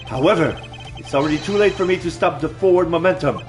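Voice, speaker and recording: A man's voice: fairly high pitch, quick pace, faint music behind. A man playing a video game, reading its dialogue aloud and commenting as he goes.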